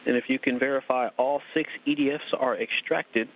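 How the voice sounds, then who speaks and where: A man giving spacewalk instructions as a communicator, precise, measured and formal, over a radio link. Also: mid-range voice, steady tone. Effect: radio transmission. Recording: tinny radio link, faint hiss.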